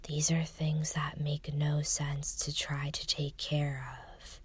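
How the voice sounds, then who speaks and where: A woman whispering deadpan jokes in an ASMR style, in a breathy voice with a deliberate delivery. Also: low voice. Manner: slow, deliberate delivery with short list items.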